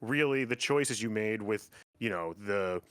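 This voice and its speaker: A man's voice: on the low side, a little slow, a bit bright, smooth, no room sound. A man hosting a casual gaming podcast, rambling with lots of fillers and frequent laughs. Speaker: podcast host.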